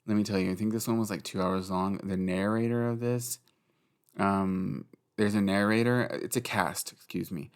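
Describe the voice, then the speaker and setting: A man's voice: lowish voice, steady tone, normal speed, clean tone. A young man hosting a casual solo podcast, rambling and giggly, swearing freely. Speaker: podcast host.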